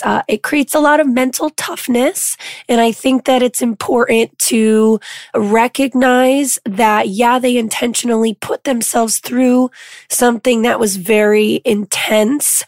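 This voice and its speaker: A woman podcast host with a hoarse, worn-out voice gives an informal, halting introduction. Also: a little high, no echo, clean studio sound. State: hoarse, lost voice.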